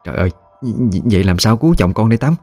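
A man's voice: sits low, lively intonation, a little fast, dark tone, soft background music. A man voicing a timid, anxious young village wife with a Mekong Delta Vietnamese accent, polite and stammering.

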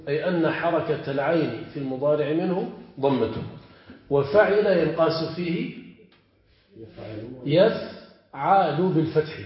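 A man teaching a classical grammar lesson, explaining step by step and checking in with his students. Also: medium pitch. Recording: echoey, dull lo-fi lecture recording.

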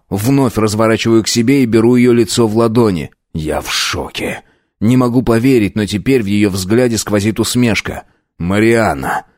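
A man's voice: lowish voice, a little mellow, no room sound, studio quality. A man reading a first-person novel aloud as an audiobook, tense and brooding. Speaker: audiobook narrator.

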